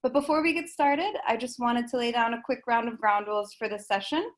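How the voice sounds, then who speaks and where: A woman hosting an online interview session, reading a prepared introduction in an even, organized way over a video call. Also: a little high, a little fast. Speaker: host of an online speaker session.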